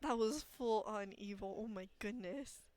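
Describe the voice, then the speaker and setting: A young woman casually co-casting a college esports match, gushing and excitable, often stumbling and repeating words. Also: medium pitch, measured pace. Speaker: esports caster. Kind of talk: casual live commentary chat.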